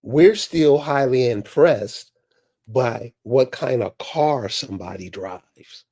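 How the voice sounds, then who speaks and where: A man talks casually in a relaxed, mellow voice of medium pitch. His delivery is slow and deliberate, halting at times as he reflects and asks rhetorical questions. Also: husky.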